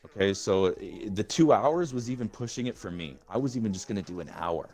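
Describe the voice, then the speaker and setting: A man's voice: fairly low pitch, expressive, fairly quick, darkish tone, faint music behind. A man leading a gaming group in casual voice-chat talk, rambling and swearing, restarting his words often. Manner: rambling and profane, with many restarts. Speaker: gaming community leader.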